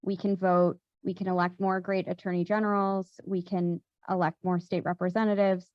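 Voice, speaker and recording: A woman's voice: fairly low pitch, level tone, normal speed, no echo, muffled recording. A woman answering on a panel discussion, talking conversationally with many fillers and restarts. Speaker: panelist, gun safety volunteer. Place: event hall.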